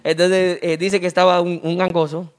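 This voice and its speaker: Comedian, high voice, joke teller who does voices and laughs a lot. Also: male voice, level tone, moderate pace. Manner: acts out voices in his jokes, laughs a lot. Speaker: comedian guest. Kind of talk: joke telling in casual chat.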